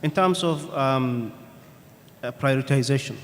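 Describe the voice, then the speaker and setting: A man on a conference panel answering audience questions in a measured, thoughtful way, pausing with "um" between points. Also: medium pitch. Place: conference hall. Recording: reverberant conference hall, faint room noise.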